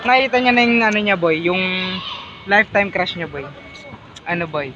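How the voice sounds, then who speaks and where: A man's voice: high voice, animated, normal speed, noisy background. A young man vlogging in casual banter, teasing his friends and saying boy often. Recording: dull lo-fi phone audio, loud crowd.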